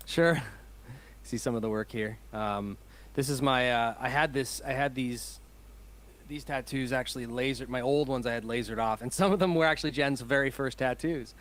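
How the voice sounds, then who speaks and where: A man's voice: medium pitch, normal speed, a bit bright. A man who is a musician, chatting in an interview over a video call, enthusiastic and rambling, often laughing. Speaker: musician guest. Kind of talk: casual interview chat.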